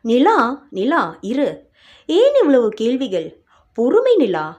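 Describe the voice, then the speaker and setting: A woman's voice: sits high, huge pitch swings, slow pace, warm tone, muffled recording, exaggerated voice. A woman voicing a patient, affectionate young man who speaks in a soothing, teasing way. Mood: tender. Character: gentle patient young man, tender suitor.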